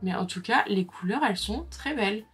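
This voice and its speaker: Chatty young woman, slightly husky voice. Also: mid-range voice, lively intonation, brisk. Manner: chatty, filler-heavy, talks to viewers while working. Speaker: makeup vlogger. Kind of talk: casual makeup tutorial chat. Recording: faint background music.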